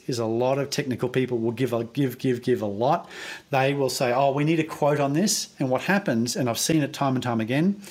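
A man, perhaps, speaking as a guest in a conversational interview, explaining sales through stories and acting out quoted dialogue, with frequent restarts. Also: mid-range voice.

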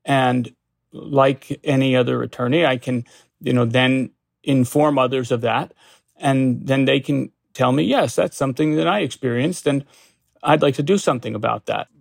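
A man with a gravelly edge answers interview questions as a lawyer, slowly and with care. He restarts often and pads his answers with fillers. The sound is dry and close. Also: mid-range voice, steady tone, dry recording. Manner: measured, hesitant, many fillers and restarts. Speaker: consumer protection lawyer.

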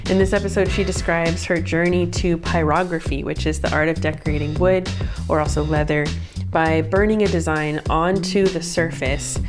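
A woman's voice: low voice, fairly even intonation, normal speed. A woman hosting a podcast, reading an upbeat scripted introduction with enthusiasm. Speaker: podcast host. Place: based in a northwestern US city. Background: music bed.

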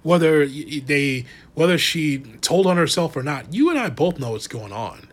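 A man's voice: fairly high pitch, sing-song, normal speed. A man giving a sarcastic, exasperated wrestling commentary monologue, talking casually and animatedly.

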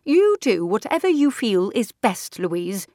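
A woman voicing a level-headed, no-nonsense aunt who speaks in a brisk, firm and plain way. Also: medium pitch, very animated, warm tone, no room sound, clean studio sound.

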